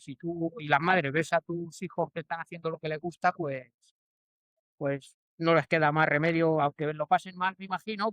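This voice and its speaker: Spanish man in his forties, smooth and halting. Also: on the high side, fairly bright tone, dry recording. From Spain. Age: 40s. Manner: hesitant, many restarts and fillers. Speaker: bullfighter guest. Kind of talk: casual interview answers.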